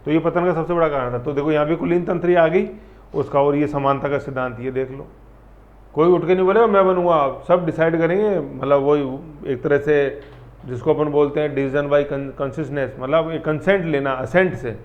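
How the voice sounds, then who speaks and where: A man teaching a history class, asking the students lots of quick questions and acting out small scenes to make his points. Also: on the high side, highs cut off. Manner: lively, rhetorical questions, acts out scenes. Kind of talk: classroom lecture.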